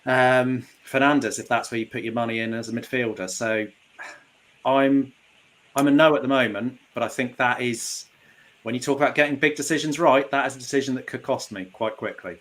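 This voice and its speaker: A British man speaks as a podcast panellist in casual discussion. He has a mid-pitched voice and lays out his points in a measured way. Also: fairly even intonation, fairly bright tone.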